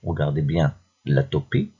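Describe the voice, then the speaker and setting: A man's voice: rumbling low, big pitch swings, unhurried, mellow, husky, muffled recording. A man teaching a primary school phonics lesson, patiently repeating each answer step by step. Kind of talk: slow classroom phonics lesson.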